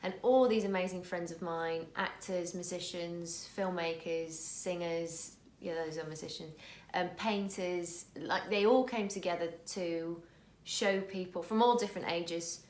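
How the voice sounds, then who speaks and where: A woman's voice: on the low side, steady tone, measured pace, darkish tone, roomy sound, slight background noise. A woman from the Netherlands, a native Dutch speaker in her thirties, co-hosting a casual vlog in an earnest way, often restarting words. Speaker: vlog co-host, actor.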